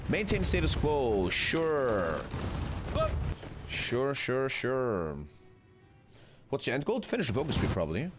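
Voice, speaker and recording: A man's voice: medium pitch, very animated, slow, pauses often. A man, streaming a strategy game live, chatting with his viewers and swearing casually. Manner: swearing, chatty, reading chat aloud. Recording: faint music behind.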